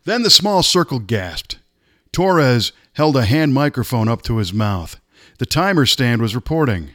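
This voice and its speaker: A man reading a nonfiction story aloud in a measured, dramatic way. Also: medium pitch, very animated, fairly bright tone, no room sound, studio quality. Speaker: narrator. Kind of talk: scripted nonfiction narration.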